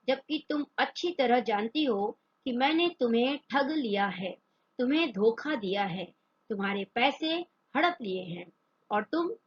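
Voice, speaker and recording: A stern male employer who scolds and lectures in a hard, indignant voice, as a woman teacher reads him out. The delivery is slow and a little husky. The recording is dull and lo-fi. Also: a little high, full character voice.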